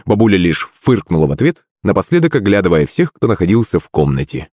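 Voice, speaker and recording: Male audiobook narrator, low voice, very lively intonation, wry first-person telling, dry close sound. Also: fast, no echo. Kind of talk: scripted narration.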